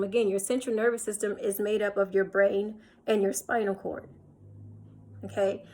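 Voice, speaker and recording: Woman teaching a slide lecture, average pitch, lots of uh and restarts, goes over things twice. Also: a little mellow. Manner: explains step by step, repeats points, many fillers and restarts.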